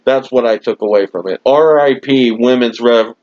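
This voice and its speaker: A man's voice: mid-range voice, moderate pace, darkish tone, muffled recording. A man giving a profane, exasperated rant as a wrestling show reviewer, recorded at home. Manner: exasperated, swears constantly, mocking laughs. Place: home room.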